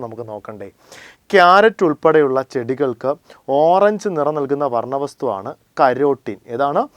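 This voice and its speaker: A man's voice: medium pitch, dry recording. A man teaching an exam-prep lesson, stating each point, asking it back as a question and answering it again. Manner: repeats each point and quizzes the listener.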